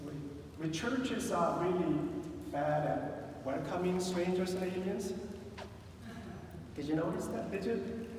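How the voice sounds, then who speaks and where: A man's voice: high voice, measured pace, pauses often, darkish tone, slight background noise. A middle-aged man with a Korean accent preaching a sermon in a conversational, storytelling way with wry humor and frequent fillers. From South Korea. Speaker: pastor. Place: large church sanctuary. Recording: distant, echoey church hall.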